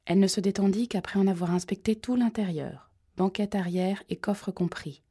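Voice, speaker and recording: A woman reading a thriller audiobook in a measured, suspenseful way. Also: mid-range voice, dark tone, breathy edge. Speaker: audiobook narrator. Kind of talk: scripted narration.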